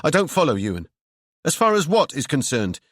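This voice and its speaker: A man's voice: a little high, very animated, a little fast, a bit bright, dry recording, clean studio sound, voice pushed up. A man reading an audiobook, voicing a tense, restrained author who speaks in a strained, barely civil way.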